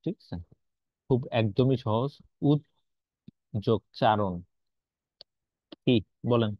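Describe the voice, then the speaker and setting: A man teaches grammar in an online class, speaking slowly in a mid-range voice with no echo. He explains patiently, quizzes his students as he goes, and mixes in English words, all over dull lo-fi audio.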